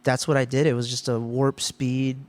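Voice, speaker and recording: A man's voice: medium pitch, flat delivery, normal speed. A man in his thirties from Ohio, a guest telling stories in a casual chat, easygoing with lots of restarts. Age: 30s. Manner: easygoing storytelling with frequent restarts. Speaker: guest, brewery owner.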